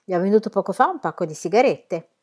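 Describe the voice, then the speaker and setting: A woman voicing a shy, lonely shopkeeper who grows lively in conversation, read from a novel. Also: mid-range voice, quick pace, natural voice.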